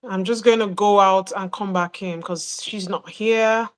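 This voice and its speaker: A woman from Nigeria with a Nigerian accent, hosting a live online chat show over a video call, chatty and quick to laugh. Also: mid-range voice, steady tone, clean tone. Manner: chatty, laughs often, apologetic. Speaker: host.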